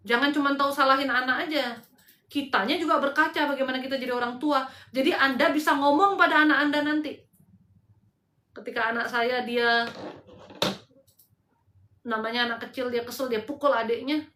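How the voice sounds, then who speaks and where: A woman with a high, bright voice hosts a live spiritual advice session and preaches to her listeners. She speaks to them directly and keeps her speech casual and slangy. The room is echoey. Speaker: host and spiritual counselor.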